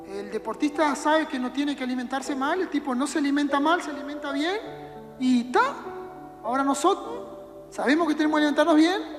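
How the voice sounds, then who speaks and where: A woman with a Uruguayan accent gives a relaxed, conversational sermon to young people, slipping into quick acted-out scenes. Her voice sits high and rings through a reverberant church hall. Music plays clearly underneath her. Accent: Uruguayan Spanish. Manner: conversational, acts out little everyday scenes. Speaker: youth preacher. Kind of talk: casual sermon. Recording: echoey hall with music behind.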